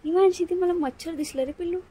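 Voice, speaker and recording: High singsong Marathi mother cooing. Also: fast, warm tone, rough recording. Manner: singsong, coaxing baby talk. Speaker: mother and vlogger. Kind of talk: baby talk with her infant. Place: home. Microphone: phone camera.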